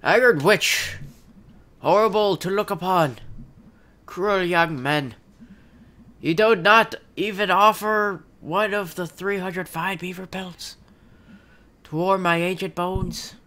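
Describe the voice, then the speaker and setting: A man's voice: high voice, slow pace, long pauses, sharp tone, heavily acted. A man voicing a very old, cruel witch who speaks in archaic threats and cackles. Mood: pleading, menacing. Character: cursing ancient hag, woman, very old, cruel.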